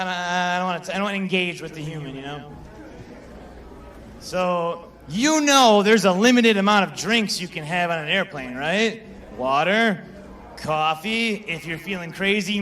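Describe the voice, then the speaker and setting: A young man performs stand-up comedy, telling stories conversationally and working the crowd. His voice is high and a bit bright.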